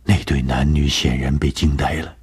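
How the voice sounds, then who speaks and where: A man narrating a ghost story for radio in a slow, measured, dramatic reading. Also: a bass voice, flat delivery, husky, faint music behind.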